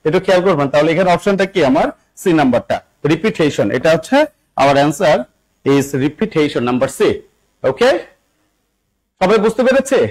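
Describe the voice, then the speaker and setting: In a rough recording, a young man with a Bangladeshi accent and a fairly high-pitched voice runs a live online spelling class as an English teacher preparing students for job exams. He speaks at a moderate pace with lively intonation and frequent pauses, repeating instructions again and again, coaxing students to write their answers and checking that they understand.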